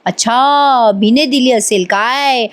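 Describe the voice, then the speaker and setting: A woman's voice: fairly high pitch, unhurried, close to an everyday voice. A woman voicing a spoiled, scheming young woman with a mocking, teasing manner.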